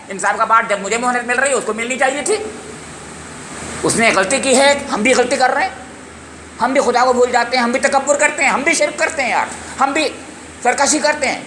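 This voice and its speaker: A man's voice: high voice, sharp tone, echoey room, slight background noise. Emphatic man giving a religious lecture. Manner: emphatic, questions listeners directly. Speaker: Quran lecturer.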